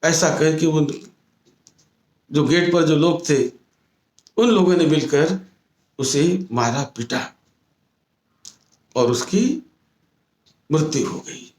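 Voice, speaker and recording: A man, a Buddhist monk, telling a moral story in a sermon, retelling it slowly and often restating his phrases. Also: a little high, lively intonation, a little mellow, roomy sound.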